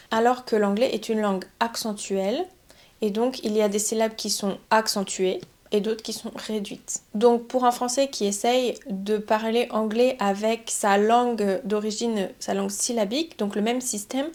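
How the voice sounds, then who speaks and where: Woman, young adult, from France, French teacher, methodical explainer, podcast talk, medium pitch. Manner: calm, methodical explaining, building points step by step.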